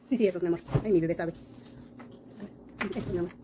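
Fast-talking woman vlogger. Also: fairly low pitch, steady tone, background noise. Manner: chatty, addresses viewers warmly with diminutives. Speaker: makeup vlogger. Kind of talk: casual makeup tutorial.

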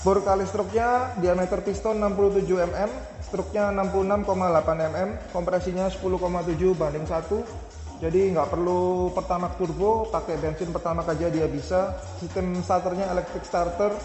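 A man's voice: high-pitched, fairly even intonation, fairly quick, darkish tone, reverberant, big-room sound, faint music behind. A man casually showing off a motorcycle, listing its features and specs in a chatty way with fillers and self-corrections. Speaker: motovlogger reviewing a motorcycle. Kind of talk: casual product walkaround.

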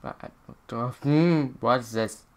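A man's voice: medium pitch, slow, a little hiss or hum. A man giving casual let's-play commentary in a silly, mocking way, full of mumbled asides. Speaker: gaming youtuber.

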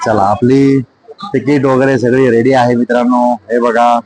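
Man, friendly vlogger talking to camera, mid pitch, clearly noisy airport background. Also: flat delivery, normal speed. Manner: chatty, addresses viewers as brothers and friends. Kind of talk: casual vlog to camera. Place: busy airport terminal, indoors.

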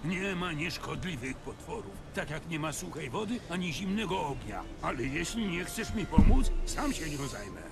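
An actor playing a self-righteous, angry monster hater in a video game, declaiming with indignation. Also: male voice, on the high side, lively intonation, normal speed, gravelly, few pauses, music in the background. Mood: scornful.

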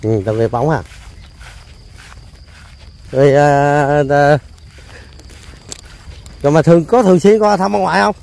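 A man hosts a casual on-location interview. His voice sits notably high. He talks in a chatty way, repeating words and filling pauses with little hesitation sounds. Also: vocal fry, darkish tone. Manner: chatty, repeats himself, many hesitation fillers. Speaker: host.

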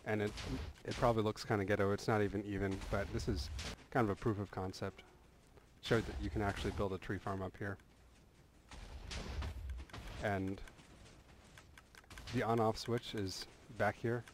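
A game tutorial creator walks through a game build in a voice-over, his voice on the low side at a moderate pace with frequent pauses. He's relaxed and a bit rambling, often restarting and saying "uh." There's slight background noise.

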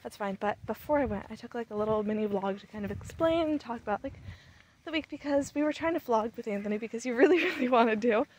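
A woman's voice: on the high side, quick pace, darkish tone. A young woman in casual, talkative, rambling vlog chat, recorded outdoors on a phone at arm's length as she walks. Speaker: vlogger. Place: outdoors, walking across an open camp.

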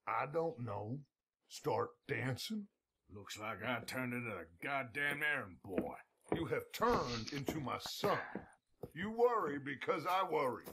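A man voicing gruff male outlaws in a Western video game, speaking in a slow drawl. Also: medium pitch, sing-song, pushed and bright, slight background noise, heavily acted. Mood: dry, weary.

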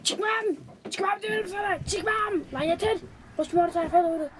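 A woman playing a video game and commenting on it, exasperated and often yelling at the character on screen. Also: extremely high pitch, moderate pace, a little hiss or hum, low-quality recording. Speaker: gamer. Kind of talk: let's play commentary. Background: loud game music.

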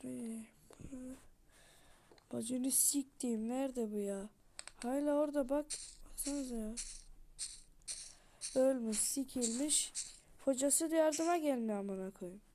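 A woman's voice: high voice, measured pace, long pauses. A woman casually commenting while playing a horror game, swearing often and talking to her viewers and to the game. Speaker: gameplay streamer. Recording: loud background noise with clicks.

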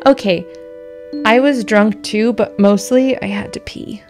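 A woman's voice: mid-range voice, measured pace, darkish tone. A woman narrating a reflective, scripted personal essay in a wistful, musing way, her voice sometimes sinking toward a whisper. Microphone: voice-over. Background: music.

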